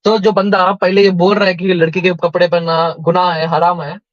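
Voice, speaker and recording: Indian male caller, a touch higher, polite and unsure, dry muffled call line. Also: level tone, normal speed, no echo. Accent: Indian Hindi. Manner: hesitant, deferential, calls the host sir. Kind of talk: online debate call. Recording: dull, dry call audio.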